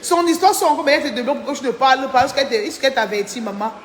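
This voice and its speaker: A tired woman with a high, animated voice races through a chatty live stream, reading out viewer names to thank them and venting indignantly about a falling-out. The roomy sound carries a long reverb tail.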